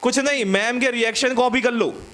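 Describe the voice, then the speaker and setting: Young guy from india doing standup, high voice, chatty, pokes at the crowd. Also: moderate pace, sharp tone. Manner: chatty, teasing the audience, acts out classroom scenes. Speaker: stand-up comedian. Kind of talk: stand-up comedy set.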